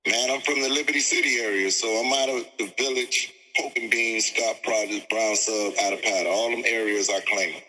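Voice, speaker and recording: A man, an interview guest who speaks in a measured, halting way and searches for words. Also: lowish voice, steady tone, pushed and bright, long reverb tail, soft background music, low-quality recording. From Miami, Florida. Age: 40s. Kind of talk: conversational interview.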